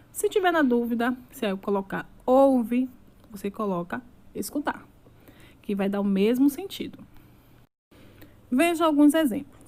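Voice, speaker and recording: A woman teacher giving a recorded remote lesson, going through examples slowly and word by word, and asking her pupils questions. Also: fairly high pitch, warm tone. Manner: slow, deliberate word-by-word examples.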